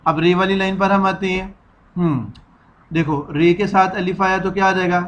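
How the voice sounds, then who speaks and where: A man's voice: high voice, fairly even intonation, normal speed. A man with a Pakistani Urdu accent teaching children the alphabet, patiently repeating each sound for them to echo. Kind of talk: children's alphabet lesson, slow drilled repetition.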